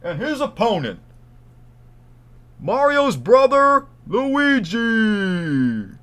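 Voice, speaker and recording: A man putting on the voice of a wrestling ring announcer, stretching out each loud, drawn-out name call. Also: high voice, big pitch swings, pitched above the performer's own voice, heavily acted. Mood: booming. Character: booming adult male wrestling ring announcer.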